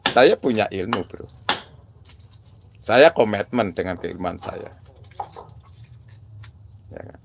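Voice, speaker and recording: A man's voice: on the low side, animated, slow, vocal fry, long pauses, a little hiss or hum. A man tinged speech talking to his viewers in a casual monologue, preachy and mixing religious phrases slang. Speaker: video maker addressing viewers.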